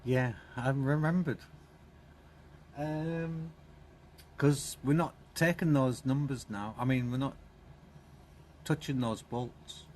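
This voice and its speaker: A man's voice: mid-range voice, slow, long pauses, a little mellow, slight background noise. A man chatting casually on a live stream in a vehicle workshop, wandering and repeating himself. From South East England. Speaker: streamer fixing his van.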